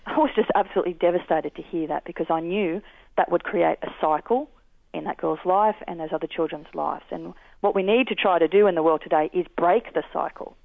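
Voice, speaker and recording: Australian man, gravelly voice over phone. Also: on the high side, no echo. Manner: earnest, measured storytelling. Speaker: guest, peace activist. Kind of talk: recounting experiences in an interview. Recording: tinny dry phone line.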